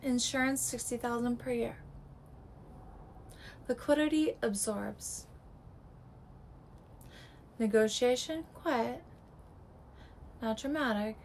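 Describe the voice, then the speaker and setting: A woman delivers a real estate breakdown in short, clipped fragments at an unhurried, deliberate pace. Her voice sits fairly high and sounds strained, as if it is giving out, with faint noise in the background. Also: rough recording. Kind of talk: scripted market breakdown.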